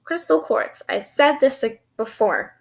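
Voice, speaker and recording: A young woman chats to her vlog audience at a slow, rambling pace. Her lisp makes her s sounds slushy, close to sh. She is hesitant and self-deprecating, with a giggly, casual way of talking. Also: fairly high pitch, lively intonation, vocal fry. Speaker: vlogger.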